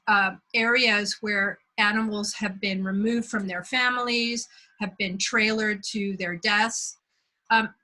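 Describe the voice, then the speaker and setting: A woman from Belgium hosting a conversation, telling a personal story in a reflective, unhurried way. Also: a little high, sharp tone, poor audio. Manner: reflective, unhurried, searching for words. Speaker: host.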